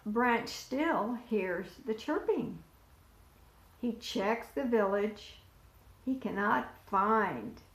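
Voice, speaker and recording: A woman volunteering as a storyteller reads a picture book to preschoolers very slowly and deliberately, her fairly high voice full of rise and fall. She breaks off to question the children and point at the pages, and the room has noticeable echo.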